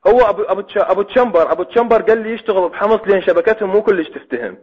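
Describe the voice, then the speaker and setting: A man with an Iraqi Arabic accent and a husky voice talking over the phone as a prank caller, stammering and repeating himself with mock-earnest questions. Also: sits high, expressive, rapid-fire. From Iraq. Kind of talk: phone call, speaking over the phone. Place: on a phone line. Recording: dull lo-fi phone call.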